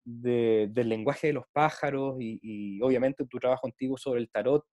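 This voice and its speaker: A man's voice: mid-range voice, steady tone, normal speed, warm tone, no echo, studio quality. A man in reflective casual conversation, speaking earnestly and at length, often doubling small linking words as he builds his thought.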